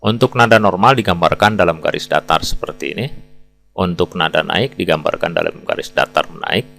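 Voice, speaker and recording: A man teaching English pronunciation in a calm, scripted explanatory way. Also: deep voice, fairly quick, creaky. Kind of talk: scripted lesson narration.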